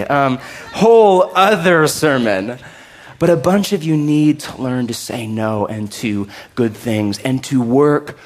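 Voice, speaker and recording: A middle-aged man preaching a sermon to a congregation, joking often and acting out listeners' doubts. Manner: lively, joking, acts out listeners' doubts in a higher voice. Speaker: pastor.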